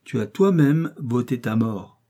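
A man's voice: medium pitch, lively intonation, unhurried, warm tone. A man voicing a menacing master criminal who gloats over a captured detective, in an audiobook reading. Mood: gloating.

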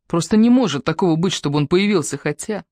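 Audiobook narrator, mid pitch, even storytelling, dry studio. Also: quick pace, no echo. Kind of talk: scripted novel narration.

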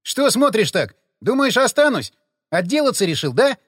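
A man's voice: high-pitched, sing-song, brisk, no room sound, studio quality, voice pushed up. A man doing a jeering, quarrelsome tough. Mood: mocking. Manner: mocking, snorting, loud.

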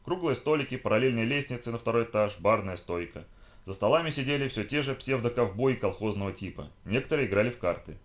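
A man reading an audiobook chapter in a brisk, even storytelling manner. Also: mid-range voice. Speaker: audiobook reader. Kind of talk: audiobook narration.

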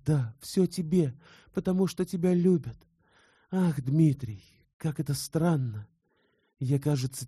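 Man doing a devoted young woman in love, tender, heartfelt, very dark voice, husky, dry close sound. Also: fairly high pitch, no room sound, voice pushed up. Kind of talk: audiobook character voice.

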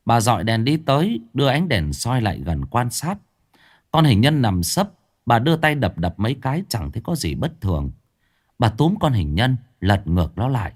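A man narrating a ghost story in an expressive, suspenseful way. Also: moderate pace. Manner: expressive, swinging pitch for suspense.

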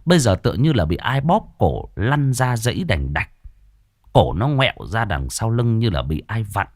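A man's voice: fairly low pitch, big pitch swings, moderate pace, no echo, studio quality. A man telling a ghost story with dramatic scripted narration.

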